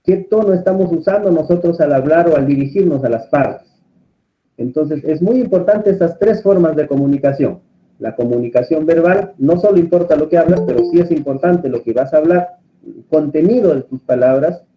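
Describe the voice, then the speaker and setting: A man instructing a course, lecturing and often putting questions to his students in a calm teaching tone. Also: a little high, moderate pace. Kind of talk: online class lecture. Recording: muffled, lo-fi audio.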